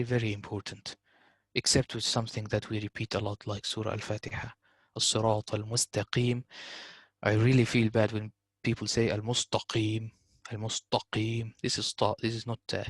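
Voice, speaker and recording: A man teaching a tajweed lesson, slowly repeating words to show correct pronunciation. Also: on the low side, little pitch movement, no room sound. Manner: explains slowly, repeating words in Arabic recitation. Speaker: Quran recitation teacher.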